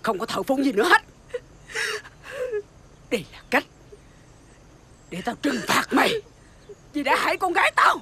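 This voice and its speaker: A woman's voice: very animated, normal speed, pauses often, bright, forceful tone, exaggerated voice. A woman with a Southern Vietnamese accent playing a cruel, hot-tempered stepmother who dotes on her own daughter, in a TV fairy-tale drama. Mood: vengeful. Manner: shrill scolding, wailing over her daughter.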